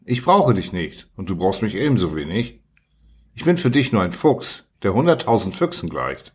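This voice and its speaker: A man voicing a patient, wistful male fox in an audiobook reading, earnest and coaxing, slightly husky. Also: lowish voice, big pitch swings, normal speed. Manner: earnest, coaxing, explaining tenderly.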